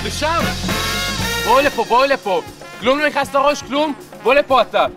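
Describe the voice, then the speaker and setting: A man's voice: very high-pitched, lively intonation, music in the background. An actor playing a bossy basketball coach who barks impatient orders at his team. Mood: commanding.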